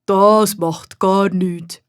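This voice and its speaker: Storybook gnome, male, cheerful, slow and deep, put on by a Swiss German woman. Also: steady tone, smooth, no echo, studio quality. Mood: content. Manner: slow, deep-toned, contented. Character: cheerful talkative male garden gnome, unhurried. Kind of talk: children's storybook reading.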